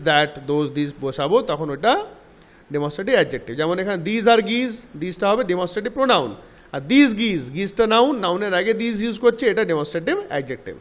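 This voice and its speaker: A man teaching English grammar. He reads example sentences slowly, explains them quickly and often checks that the class understands. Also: high-pitched. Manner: asks the listener check questions.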